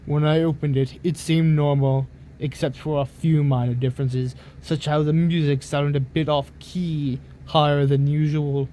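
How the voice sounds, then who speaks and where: A man giving a dramatic reading of a horror story, theatrical, with drawn-out emphasis on some phrases. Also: fairly high pitch, level tone, mellow, slight background noise. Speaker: narrator reading a creepypasta aloud.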